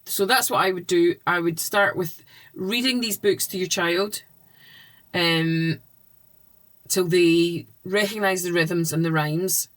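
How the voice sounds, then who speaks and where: A woman reading tutor giving patient, explanatory tips to parents in an unhurried instructional vlog. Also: on the low side, fairly even intonation, fairly bright tone.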